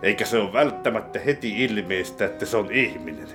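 A man voicing a calm, scheming gang boss in a comedy sketch, speaking slowly with flat menace. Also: music in the background, natural voice. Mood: deadpan. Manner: low, slow, flatly menacing. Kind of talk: comedy sketch role-play.

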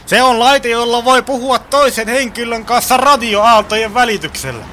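A man's voice: very high-pitched, pushed and bright, slight background noise. A man doing a smug, scheming gang boss. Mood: bossy. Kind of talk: amateur comic radio play acting.

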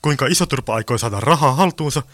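A man's voice: mid-range voice, fairly bright tone, no echo. Pompous male radio-play narrator.

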